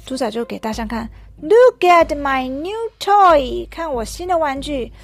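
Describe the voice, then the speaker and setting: A woman's voice: high voice, lively intonation, measured pace, soft background music, voice pushed up. A woman voicing a fussy little pig. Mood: cheerful. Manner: reads English then Chinese lines. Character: upset little pig with a new toy.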